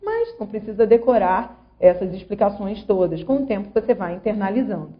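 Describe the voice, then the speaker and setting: Over slightly muffled lo-fi audio, a woman's mid-range, sing-song voice moves a little fast. She's teaching an online grammar lesson, patiently spelling out syllables and prompting the viewer to follow.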